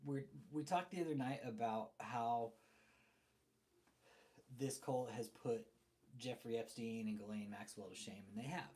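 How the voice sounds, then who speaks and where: Speaking a little slowly and pausing often, this mid-range male livestream host from Texas offers casual, blunt, profane commentary and calls out chat viewers by name. His loosely plugged desk mic leaves his voice hollow and distant, like it's coming through a tube.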